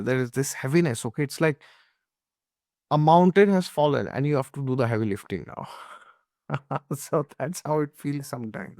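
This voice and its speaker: Brief: male astrology teacher, emphatic and repetitive, slightly raised pitch. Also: a little mellow, dry recording, clean studio sound. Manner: emphatic, repeats points, often asks "okay?". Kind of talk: explanatory talk.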